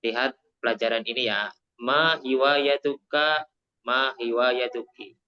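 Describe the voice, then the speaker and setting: An Indonesian man with a Javanese accent teaches Arabic online, speaking in a mid-range, clear, resonant voice at a steady tone. He explains by slowly repeating things in a blend of Arabic and Indonesian, though the audio is dull.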